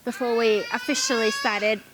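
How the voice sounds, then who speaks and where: A young woman with an Australian accent and a fairly high voice tells her story in a relaxed way. She hesitates often and fills the gaps with ums. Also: normal speed, noisy background. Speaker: charity founder. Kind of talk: casual storytelling.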